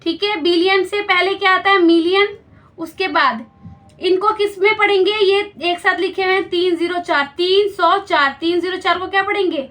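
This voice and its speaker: A woman's voice: very high voice, fairly even intonation, moderate pace, fairly bright tone. A woman teaching a school maths lesson step by step, patiently explaining and checking understanding with questions.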